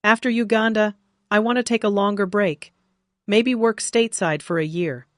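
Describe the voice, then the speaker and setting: A woman's voice: medium pitch, fairly even intonation, normal speed, no echo, clean studio sound, lightly acted. A woman reading the lines of a caring young male doctor, a husband who speaks eagerly and tenderly.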